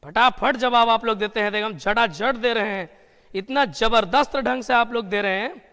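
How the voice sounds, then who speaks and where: High bright-voiced guy w teaching english grammar online, super encouraging, reverby room. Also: moderate pace, clear, resonant tone. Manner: energetic, encouraging, praising students. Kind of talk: live online grammar class.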